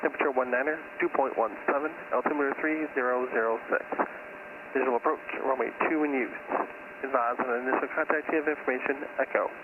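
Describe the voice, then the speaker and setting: A man's voice: mid-range voice, fairly even intonation, fast talker. Man's voice in a static-laden airport weather broadcast. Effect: recorded airport weather broadcast over aircraft radio. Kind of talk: clipped, even reading of weather figures and runway info. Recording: tinny radio transmission with loud static.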